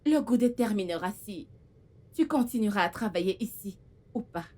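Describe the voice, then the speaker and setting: A woman's voice: mid-range voice, lively intonation, normal speed, darkish tone, lightly acted. A woman dubbing a film role: a haughty, vain young woman who bosses her new housemaid around. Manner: haughty, commanding, scolding. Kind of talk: dubbed film acting.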